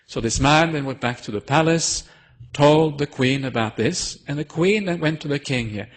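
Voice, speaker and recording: A man, a Buddhist monk, giving a Dharma talk as an unhurried story, pausing often on hesitant fillers. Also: a little high. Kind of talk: storytelling sermon.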